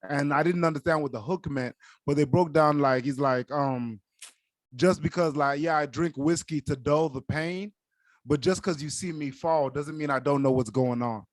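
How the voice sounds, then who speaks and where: A young man, Yoruba his first language, co-hosts a podcast in earnest, casual conversation, often filling pauses with "like." His voice is a little high, at normal speed, captured in a dry recording.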